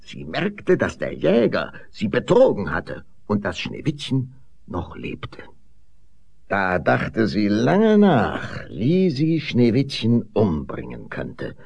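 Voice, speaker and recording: A man reading a fairy tale aloud with expressive, sweeping storytelling. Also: lowish voice, slow pace, vocal fry, slightly rough.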